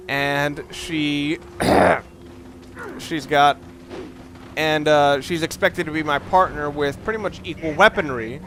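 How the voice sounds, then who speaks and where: Over some background noise, a man with a fairly high, bright, forceful voice provides casual let's play commentary on a video game. He rambles with strong opinions, wanders off on tangents, stops mid-thought, and swears loosely.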